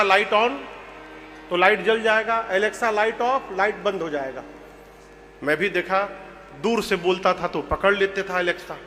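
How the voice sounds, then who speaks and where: A man with a Bhojpuri-tinged Hindi accent giving a humorous devotional sermon, telling rustic, joking stories in a lively way, recorded in a reverberant hall with music behind. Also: high-pitched. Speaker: religious storyteller.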